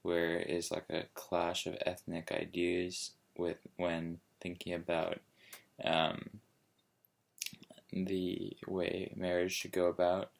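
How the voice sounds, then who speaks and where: Groggy young guy doing a school project vid, low flat voice, lots of ums. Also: takes it slowly, creaky. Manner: monotone, hesitant with many fillers. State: just woke up, sleepy. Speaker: student presenter. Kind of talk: school project video talk.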